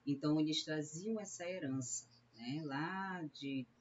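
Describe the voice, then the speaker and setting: Woman teacher from Brazil, low-pitched, methodical lecturing with frequent "né?" checks. Slightly dull recording. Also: a little hiss or hum. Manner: explains step by step, often adds a questioning "né?"; sounds out syllables slowly when counting verse. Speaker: literature teacher.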